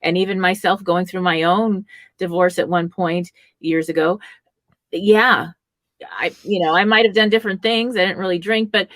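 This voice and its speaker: A woman's voice: lowish voice, fairly even intonation, moderate pace, a bit bright, no room sound. A woman hosting a radio talk show, chatting with a guest and backing up what he says. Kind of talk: conversational radio interview.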